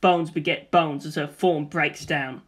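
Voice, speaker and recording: A narrator reading out a screenplay with its scene headings and stage directions in a deadpan manner. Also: medium pitch, measured pace, breathy edge.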